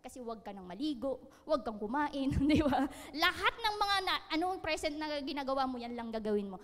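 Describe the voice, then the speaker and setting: A young woman giving a lively seminar talk, joking often, laughing and asking her listeners questions. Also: high voice, brisk. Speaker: seminar speaker. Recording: long hall reverb.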